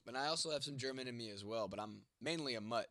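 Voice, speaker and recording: A young man chats loosely with his livestream audience, swearing freely and answering comments one by one. His voice sits at an ordinary middle pitch and is recorded close and dry in a small room. A sore throat gives him the odd cough. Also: fast, a bit bright, no room sound. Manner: profane, rambling, answers chat comments by name. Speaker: livestream host reading chat. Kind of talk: casual livestream chat.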